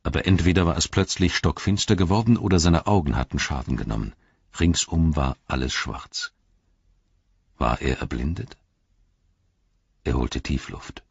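Deep husky man reading aloud. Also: no room sound, highs cut off. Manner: measured, dramatic storytelling. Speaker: audiobook narrator. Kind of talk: scripted narration.

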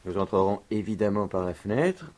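An actor playing a dashing, witty, gallant thief in a 1950s radio drama, with suave, theatrical banter. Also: male voice, fairly low pitch, animated, a little fast, a little mellow. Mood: jaunty, boastful. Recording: noisy vintage 1950s radio recording.

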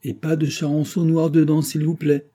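A man reading an audiobook and voicing a pompous, lecturing brewer's clerk who talks loudly and emphatically. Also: mid-range voice, normal speed, breathy edge, close to an everyday voice. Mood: emphatic. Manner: lecturing, self-important, emphatic.

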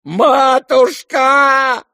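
A man's voice: extremely high pitch, steady tone, extremely slow, sharp tone, no echo, clean studio sound, voice pushed up, heavily acted. A man voicing a servile, fawning older male clerk who laments in a sing-song wail.

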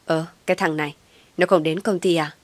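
A woman's voice: low voice, steady tone, fairly quick, no room sound, lightly acted. A woman voicing a stern, angry older mother who scolds harshly in an audio story.

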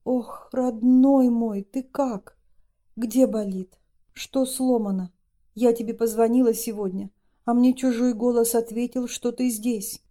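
A woman's voice: fairly high pitch, steady tone, measured pace, dark tone, close to an everyday voice. A woman voicing a panicking older mother who cries out in a frantic, raised voice. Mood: alarmed.

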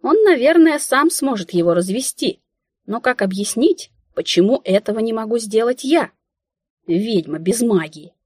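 A woman narrating an audiobook in the first person, ironic and expressive. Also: a little high, moderate pace, husky, dry recording, clean studio sound.

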